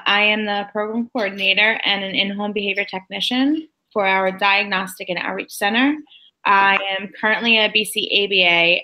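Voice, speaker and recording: Bright-voiced woman in her thirties. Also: medium pitch, poor audio. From United States. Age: 30s. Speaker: student presenter. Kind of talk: self-introduction.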